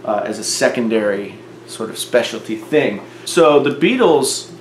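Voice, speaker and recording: A man's voice: medium pitch, expressive, measured pace, slight background noise. Chatty man in his forties, roomy echo. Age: 40s. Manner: chatty, wry, addresses viewers directly. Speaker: tech YouTuber host. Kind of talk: casual unboxing vlog. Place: home room. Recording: roomy echo with faint music.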